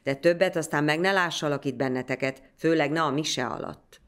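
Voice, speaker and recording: A woman voicing a stern, proud village priest who scolds gruffly in a storybook tale. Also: deep voice, close to an everyday voice. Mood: scolding.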